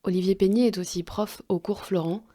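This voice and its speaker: French female host, mellow voice, playful scripted narration, faint noise. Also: mid-range voice, steady tone, a little fast. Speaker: podcast host and reporter.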